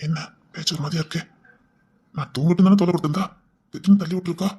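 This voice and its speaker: A woman with a Tirunelveli accent voicing a gruff, stern grown man who scolds and hushes his wife. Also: on the low side, fairly even intonation, quick pace, voice pushed down. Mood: grumbling. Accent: Tirunelveli Tamil. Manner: stern, clipped, hushing.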